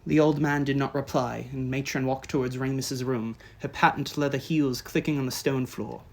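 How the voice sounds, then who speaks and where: A man narrates an audiobook at an even, measured pace, reading each sentence with care. His voice sits at a middle pitch for a man. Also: gravelly. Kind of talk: scripted narration.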